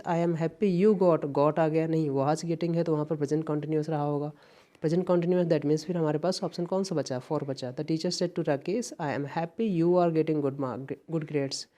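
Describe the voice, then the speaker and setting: Mellow-voiced Indian English tutor. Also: male voice, a little high. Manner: explains patiently, repeats key phrases, reads sentences out slowly. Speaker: English teacher for competitive exams. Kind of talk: exam-prep lesson.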